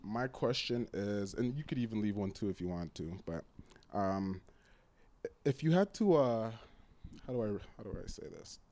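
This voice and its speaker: A man's voice: fairly low pitch, expressive, normal speed, warm tone. A man hosting a podcast in casual chat, loose and slangy, dropping bro and yo as he talks. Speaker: podcast host.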